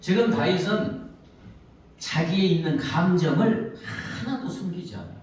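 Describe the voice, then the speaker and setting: A man's voice: high voice, normal speed, a little mellow, slight background noise. A male pastor preaching a Sunday sermon. He acts out pleading prayers and puts questions to the congregation. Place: church sanctuary. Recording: echoey church hall, mic at a distance.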